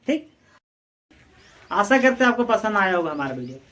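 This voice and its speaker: A woman's voice: mid-range voice, very animated, moderate pace, fairly bright tone. A woman teaching chemistry, repeatedly asking questions and answering them herself. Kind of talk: classroom explanation. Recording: voice distant from the mic.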